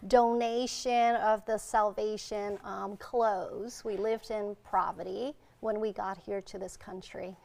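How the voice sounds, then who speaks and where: A woman's voice: mid-range voice, fairly even intonation, slow, creaky, hardly any pauses, darkish tone. A woman from Vietnam, a functional medicine doctor and TV interview guest, telling her story in an earnest, heartfelt way. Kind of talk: TV interview answers.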